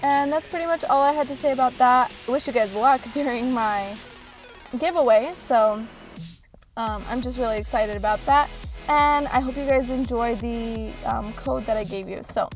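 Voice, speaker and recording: A young adult woman vlogger with a Valley girl accent chats casually and upbeat to her viewers, full of likes and ums. Her voice is a little high and her speed normal, with faint music behind her.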